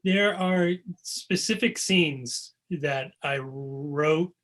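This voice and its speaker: A man's voice: a little high, extremely slow. A man, a novelist guest, talking casually about his writing over a video call, with many ums and restarts. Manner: rambling, relaxed, many ums.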